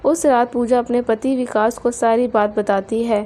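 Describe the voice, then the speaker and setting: A woman narrating a family drama story in a steady, plain way. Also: a little high, normal speed.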